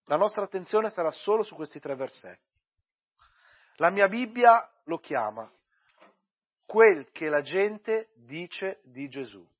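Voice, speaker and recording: A man preaching a church sermon, praying with many pauses and repeated addresses, then reading and explaining scripture. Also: high voice, animated, slightly rough, dull audio. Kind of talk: sermon with prayer and Bible reading.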